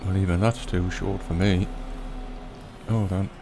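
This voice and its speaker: A man giving relaxed, rambling commentary over a farming game, with lots of ums. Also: sits low, a little slow, background noise. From Britain. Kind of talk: casual gameplay commentary.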